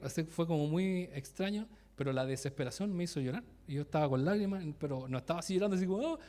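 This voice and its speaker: Male preacher, slightly high voice, casual sermon delivery full of restarts and questions to the congregation. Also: a little mellow. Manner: informal, self-interrupting, laughs at his own stories; asks the congregation direct questions. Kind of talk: conversational sermon with personal stories.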